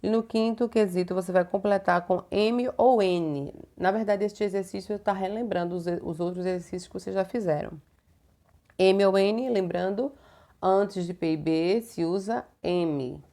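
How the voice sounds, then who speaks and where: A Brazilian woman teaching young children a homework lesson, slow, patient and didactic, stretching words out and checking in often. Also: mid-range voice, warm tone. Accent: Brazilian Portuguese. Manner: uses many diminutives and checking tags. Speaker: primary school teacher.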